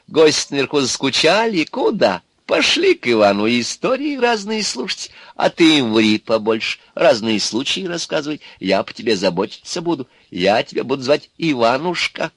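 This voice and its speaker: A man voicing a scheming, cruel old witch in an audiobook, with a hoarse, coaxing voice that turns shrill. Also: big pitch swings, moderate pace, few pauses, dry recording, full character voice. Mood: wheedling. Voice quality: hoarse laugh. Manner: coaxing, then shrill and shouting. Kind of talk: audiobook character voice.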